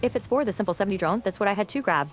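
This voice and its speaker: A synthetic female text-to-speech voice reading out chat messages in a flat, robotic way. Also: medium pitch, racing, slight background noise.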